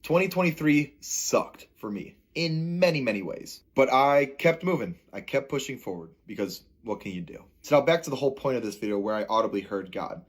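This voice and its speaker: A young man casually telling a personal faith testimony as a vlogger, earnest and animated, with everyday slang. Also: medium pitch, brisk, hardly any pauses, husky.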